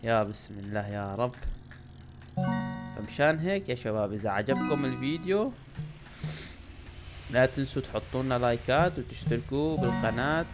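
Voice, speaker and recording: A man in his twenties with a Levantine Arabic accent, doing excitable let's-play commentary for his channel, swinging between loud outbursts and low muttering. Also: brisk, long pauses. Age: 20s. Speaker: gaming YouTuber. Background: loud game music.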